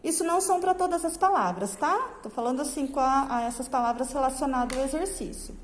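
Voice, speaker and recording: A woman teacher explaining a lesson to young pupils, speaking through a face mask in slow, drawn-out phrases and checking in with the class often. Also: high-pitched, animated, big-room sound, slight background noise, low-quality recording. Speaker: primary school teacher. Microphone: phone camera.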